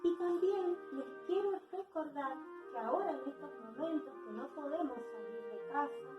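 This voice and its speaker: A woman with an Argentine accent leading a church service gently and encouragingly. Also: high voice, roomy sound. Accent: Argentine Spanish. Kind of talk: announcing during a church service.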